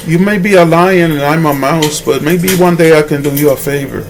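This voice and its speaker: A man voicing a humble, brave little male mouse in a spoken fable, a bit higher than his own voice, over clattering dishes. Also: moderate pace, lightly acted. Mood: earnest. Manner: polite, earnest.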